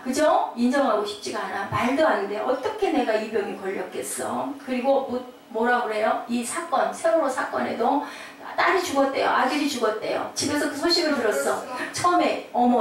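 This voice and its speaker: A woman's voice: fairly high pitch, slight background noise. A woman pastor preaching a Sunday sermon, asking her congregation questions and acting out the voices of grieving people. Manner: asks the congregation many questions, acts out quoted voices. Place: small church hall. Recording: echoey hall, voice from far off.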